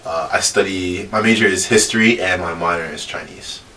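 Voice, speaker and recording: A man's voice: deep voice, fairly even intonation, moderate pace, sharp tone, a little hiss or hum, rough recording. A young man, a college student, introducing himself plainly with small hesitations. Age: young adult. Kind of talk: casual interview.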